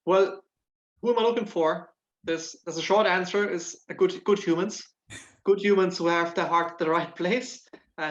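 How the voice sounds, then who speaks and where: On a lo-fi recording, a man with a slightly high voice answers interview questions casually as a guest. He is a nutritional therapist from Germany, his German accent tinged with Irish. He talks earnestly and tends to repeat words while reaching for them.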